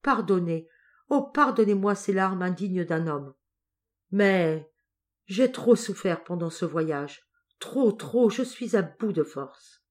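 A woman's voice: mid-range voice, animated, slow. A woman voicing an emotional young exiled prince who speaks in fervent, tearful outbursts, in a storybook reading. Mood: overwhelmed.

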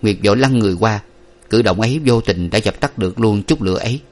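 A man narrating a story aloud with a steady, expressive reading style. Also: on the low side, fast.

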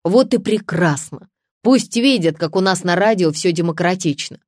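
Woman voicing a stern older male editor, cold and commanding, lower and loud, dry close sound. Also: lively intonation, moderate pace, no echo. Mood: scornful. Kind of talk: audiobook character voice.

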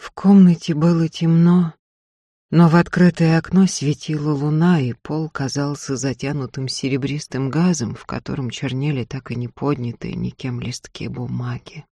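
A woman reading a novel aloud as narrator, in a quiet, subdued manner. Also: low-pitched, steady tone, moderate pace, breathy edge, no room sound. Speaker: audiobook reader. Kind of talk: literary narration.

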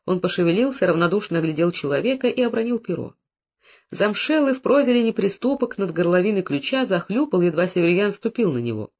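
Man, audiobook narrator, measured reading, high-pitched, dull lo-fi sound. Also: lively intonation. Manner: measured, descriptive, plays every character.

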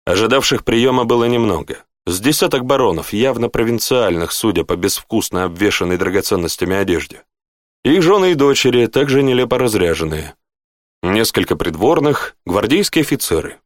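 A man's voice: expressive, normal speed, no echo, clean studio sound. A man reading an audiobook aloud, narrating the story and voicing its characters in turn by lifting his voice for their lines. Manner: shifts pitch up for dialogue characters.

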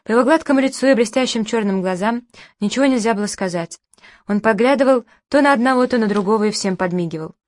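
A woman narrating literary prose at an even, measured pace. Her voice is fairly high. It is recorded close and dry, with no room echo. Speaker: audiobook narrator.

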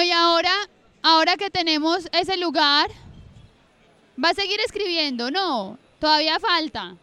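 Woman, workshop facilitator, high bright voice, chatty and self-amused, outdoors on a handheld mic. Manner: chatty, repeats instructions, laughs at herself. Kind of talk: guiding a group writing exercise. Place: outdoor park. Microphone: handheld mic, often held away.

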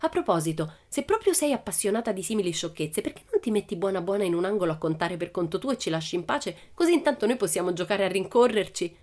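A woman voicing a cheeky, boastful young girl with a brash, excitable manner, in a storybook reading. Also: quick pace, few pauses, close to an everyday voice. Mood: indignant. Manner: brash, excitable, high and lively.

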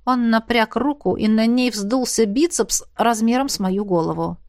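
A woman narrating a first-person fantasy novel in a steady storytelling manner. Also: on the high side, normal speed, dry recording, clean studio sound. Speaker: audiobook narrator.

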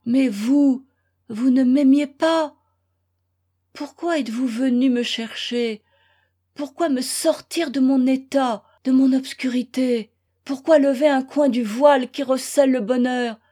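A woman's voice: a little high, level tone, slow, hardly any pauses. A woman voicing a heartbroken young wife, under eighteen, who pleads tearfully with her husband. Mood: pleading.

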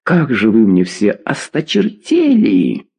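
A man's voice: medium pitch, huge pitch swings, takes it slowly, creaky, darkish tone, breathy edge, exaggerated voice. A man reading aloud, voicing a departing cameraman who jokes with forced bravado. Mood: mocking. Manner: ironic, blustering. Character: cameraman leaving his job, joking, defiant.

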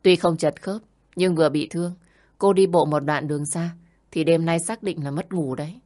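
A woman's voice: low-pitched, fairly even intonation, moderate pace, warm tone, lightly acted. A woman voicing a helpful young man stranger who speaks in a plain, reassuring way. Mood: calm.

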